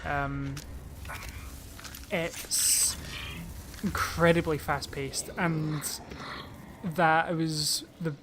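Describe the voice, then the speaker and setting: A man's voice: a little high, fairly even intonation, very slow, pauses often, a bit bright, a little hiss or hum. A man hosting a gaming video with casual, rambling commentary and chatty asides as he plays. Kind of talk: casual let's play commentary. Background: game music.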